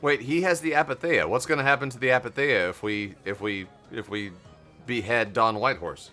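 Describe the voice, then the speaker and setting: A man's voice: medium pitch, fairly quick, sharp tone, soft background music. A man giving casual commentary as he plays through a video game. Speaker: gamer commenting on a playthrough.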